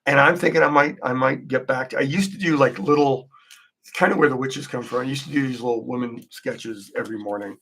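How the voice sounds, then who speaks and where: A man hosting a live drawing stream, chatting casually in a rambling, halting way as he thinks aloud. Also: medium pitch, fairly bright tone, slightly rough. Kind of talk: casual livestream chat while drawing.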